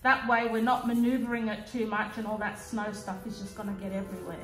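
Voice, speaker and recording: A woman's voice: medium pitch, flat delivery, brisk, fairly bright tone, soft background music. An Australian woman giving a casual, chatty craft tutorial, with a slight lisp from wearing retainer-style aligners in her mouth. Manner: informal, chatty demonstrating while handling items. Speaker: DIY craft vlogger.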